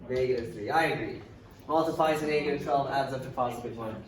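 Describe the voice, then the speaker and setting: A man's voice: medium pitch, fast talker, recorded from a distance. Casual male math teacher in an echoey room. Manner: casual, thinks aloud while writing, dry sarcasm. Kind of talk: classroom lecture. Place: classroom. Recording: echoey classroom from afar, hiss.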